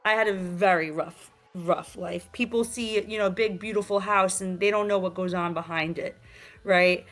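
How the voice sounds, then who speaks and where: At normal speed and medium pitch, a young New York woman with a New York accent chats energetically about her game as a guest on a virtual talk show, joining remotely. The interview is casual, and her streetwise talk brims with "like" and "you know."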